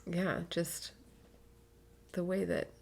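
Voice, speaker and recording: A woman's voice: fairly low pitch, little pitch movement, drawn-out words, a little mellow. A young American woman hosting a casual, personal interview as she chats with her guest. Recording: clear background noise with clicks.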